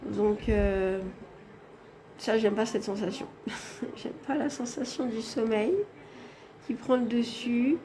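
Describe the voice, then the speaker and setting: Woman filming herself on her phone in a hospital room, kinda high voice, faint hiss behind. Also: steady tone, slow pace, pauses often, dark tone. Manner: chatty, addresses viewers directly. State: tired after anesthesia. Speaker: vlogger. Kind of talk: casual hospital vlog. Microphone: phone held in hand.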